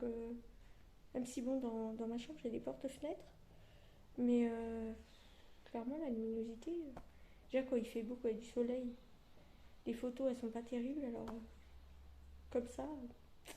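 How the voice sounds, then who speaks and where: A woman chats casually to her vlog viewers in a very dark, soft-edged voice with a gravelly creak. Her s sounds come out lisped and slushy. The room is echoey, and she rambles along colloquially. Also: on the high side. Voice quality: lisp on s sounds from orthodontic elastics. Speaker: vlogger. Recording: roomy echo, faint background noise.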